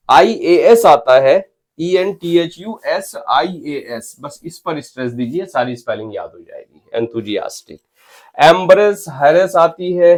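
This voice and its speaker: Guy teaching spelling, spells each word out letter by letter, slowish, bit high voice. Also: a little mellow. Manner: spells words letter by letter, asks viewers to comment. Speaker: English teacher. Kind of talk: exam-prep spelling lecture.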